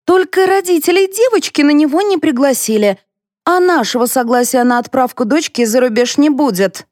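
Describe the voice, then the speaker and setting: A woman voicing a shrill indignant mother. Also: animated, moderate pace, dry recording, studio quality. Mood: scornful. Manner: high, sharp and shouting.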